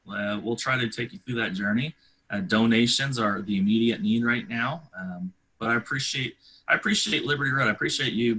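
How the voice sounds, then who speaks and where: A man's voice: on the low side, bright, forceful tone, breathy edge, low-quality recording. A man giving earnest, conversational interview answers as a charity representative, with somewhat hesitant phrasing.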